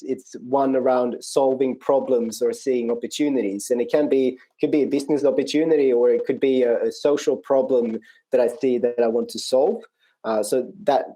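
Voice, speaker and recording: Speaking warmly at medium pitch, this interview guest is a non-profit country manager from the countryside outside Norrköping, with a Swedish accent. He shares his personal story conversationally, thoughtful and hesitant with frequent pauses, over poor audio.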